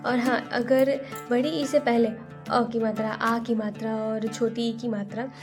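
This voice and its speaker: A woman's voice: on the high side, steady tone, a little slow, over music. A woman teaching a Hindi lesson, sounding out syllables and repeating each word twice. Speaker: home tutor teaching Hindi to parents. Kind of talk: slow spelled-out lesson.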